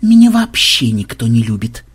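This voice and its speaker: Sullen, cold vampire in a fantasy audiobook, read by a man; curt, sarcastic, husky. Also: fairly high pitch, very animated, normal speed, voice pushed up.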